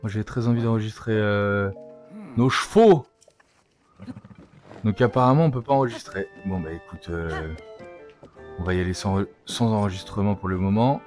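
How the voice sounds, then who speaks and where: Male let's-play streamer, excitable, coaxes the game aloud as he plays. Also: fairly low pitch, moderate pace, long pauses, faint music behind. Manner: excitable, coaxing, talks to the game. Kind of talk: live gameplay commentary.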